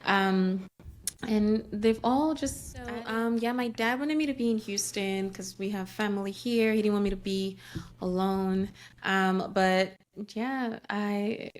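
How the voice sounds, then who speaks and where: A woman's voice: medium pitch, slow. A woman from Nigeria, a podcast guest chatting and telling her story with frequent ums and restarts. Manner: thoughtful, with many ums and restarts. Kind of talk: casual interview chat.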